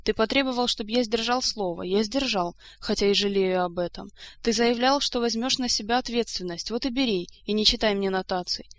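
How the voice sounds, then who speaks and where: A woman's voice: mid-range voice, brisk, few pauses, dry recording, lightly acted. A woman reading the part of a wounded, tired king who speaks bluntly and reproachfully.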